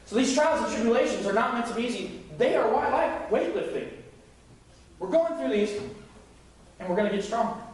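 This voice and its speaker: A man's voice: extremely high pitch, lively intonation, fairly quick, slight background noise. A young man preaching a conversational, joking sermon as youth pastor, acting out quoted voices. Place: church sanctuary. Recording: echoey room from far off.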